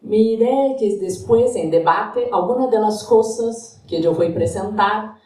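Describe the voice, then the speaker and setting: In a university lecture hall, a woman from Brazil gives an academic lecture, partly reading it aloud, with a Brazilian Portuguese accent. Portuguese is her native tongue, so she is careful and hunts for words; her medium-pitched, mellow voice runs a little slow. The recording comes from far off and echoes.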